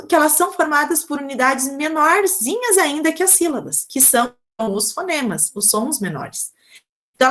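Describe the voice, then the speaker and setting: A Brazilian woman with a slightly high voice teaches a recorded lecture over slides. She explains step by step in a patient, didactic way and keeps checking in with her listeners through short tag questions. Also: fairly bright tone. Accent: Brazilian Portuguese. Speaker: teacher giving a lesson on early literacy.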